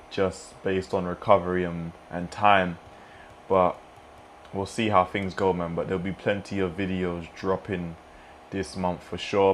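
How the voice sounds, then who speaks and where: A man's voice: low-pitched, slight background noise. A man chatting casually in a vlog, laid-back and rambling, often tossing in "man" and "you know". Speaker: fitness vlogger and streamer. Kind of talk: casual mukbang vlog chat.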